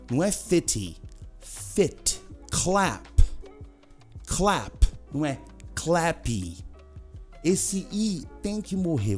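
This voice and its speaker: A man teaching an energetic video lesson, chatting with viewers and drilling pronunciation aloud. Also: fairly high pitch. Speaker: English teacher.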